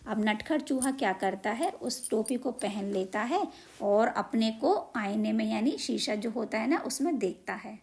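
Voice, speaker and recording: A woman's voice: a little high, lively intonation, unhurried, a little mellow. A woman teacher retelling a children's story, asking simple questions and answering them herself. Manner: asks and answers own questions, repeats simply. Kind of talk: explaining a children's story lesson.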